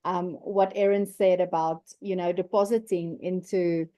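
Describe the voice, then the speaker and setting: A woman's voice: fairly low pitch, steady tone, measured pace, dark tone. A woman from Africa, co-hosting a podcast, who affirms others often and introduces the guest. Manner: affirming, frequent murmured agreement. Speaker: podcast co-host. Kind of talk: casual conversational.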